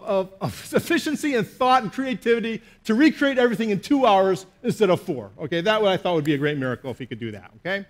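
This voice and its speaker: High-voiced pastor man preaching. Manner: animated storytelling, self-mocking, frequent "okay?" check-ins. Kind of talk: sermon.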